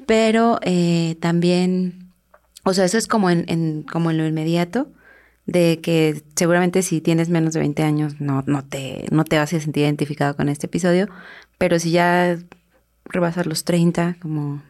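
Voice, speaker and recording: A woman, co-hosting a casual podcast in a relaxed way with lots of fillers. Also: on the low side, normal speed. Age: 30s. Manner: relaxed, talks with many fillers. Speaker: podcast co-host.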